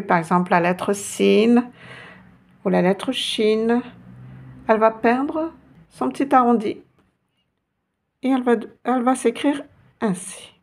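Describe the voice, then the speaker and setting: Slow, patient woman teaching a lesson. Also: medium pitch, vocal fry, a little mellow. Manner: slow, patient, instructive, repeats letter sounds. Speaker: Arabic teacher. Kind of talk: online language lesson.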